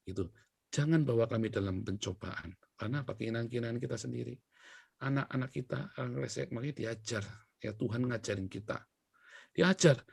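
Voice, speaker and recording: A middle-aged man from Indonesia preaches in an easygoing, anecdotal sermon. His voice sits at an ordinary middle pitch and jumps between firm, loud points and hushed remarks. The sound is dry and close, with no room around it. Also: slightly rough, dry recording. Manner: chatty and anecdotal, with sudden rises and drops in volume. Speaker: pastor.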